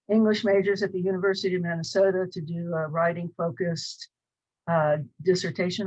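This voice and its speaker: This is a sixtyish college instructor from Cleveland, Ohio, Northern US accent and all, giving a rambling, filler-heavy introduction to her course. She sits in a small home office using a desk webcam; her voice is fairly low and the audio sounds muffled.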